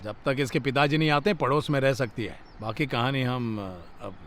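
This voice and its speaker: An actor playing a bossy, excitable comic police inspector who stammers and scolds, in dubbed film dialogue. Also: male voice, mid-range voice, moderate pace, a little hiss or hum, natural voice.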